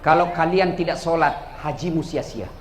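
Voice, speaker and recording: A man's voice: fairly high pitch, moderate pace, a little hiss or hum. A man with a Bugis-Makassar Indonesian accent preaching a humorous sermon, joking with and teasing the audience. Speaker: Islamic preacher.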